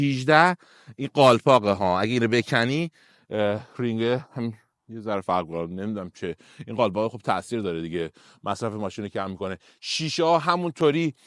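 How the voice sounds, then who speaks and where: An opinionated man talks through a car walkaround in a casual vlog. His voice sits in a middle pitch and sounds dry and close to the mic. He keeps pointing out details and giving his own take on them. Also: no room sound. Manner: chatty, opinionated, pointing things out. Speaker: car reviewer.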